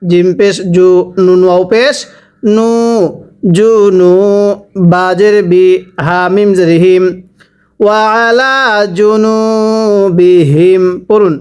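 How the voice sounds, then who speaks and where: Speaking with a Bangladeshi Bengali accent, a high-pitched man leads a Quran lesson, breaking words into syllables and then chanting them in long, stretched recitation. His voice is a little mellow, clear, and resonant.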